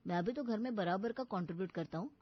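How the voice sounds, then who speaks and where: A woman voicing a mild young husband in an animated story, who talks in a calm, reasoning way. The sound is dry and lo-fi. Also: mid-range voice, fast talker, slightly rough, dry recording, pitched below the performer's own voice, natural voice.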